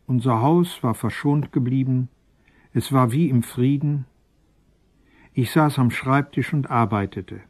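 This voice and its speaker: A man reading a first-person story aloud in a calm, solemn, measured manner. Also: mid-range voice. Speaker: narrator.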